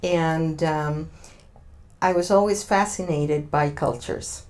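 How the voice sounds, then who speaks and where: Slow, thoughtful Argentine woman. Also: low voice, darkish tone. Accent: Argentine Spanish. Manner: thoughtful, many filler sounds, searching for words. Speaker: interview guest. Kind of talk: interview answers.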